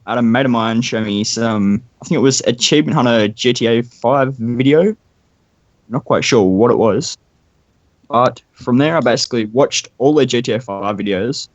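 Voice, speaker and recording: A man in a casual podcast chat, telling a story in a relaxed, rambling way. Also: mid-range voice, no echo. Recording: dull dry lo-fi mic.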